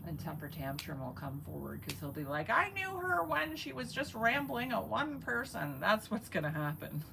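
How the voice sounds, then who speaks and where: A woman's voice: medium pitch, big pitch swings, normal speed, vocal fry, noisy background. A woman in her forties talking in a rambling, chatty live-stream monologue, swearing casually and laughing often. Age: 40s. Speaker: vlogger.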